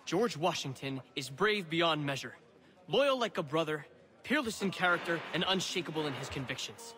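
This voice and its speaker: A man's voice: on the high side, lively intonation, moderate pace, background noise, lightly acted. A man playing an eccentric, talkative prisoner in a video game, scheming and theatrical, with a wry manner. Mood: fervent. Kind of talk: video game dialogue acting.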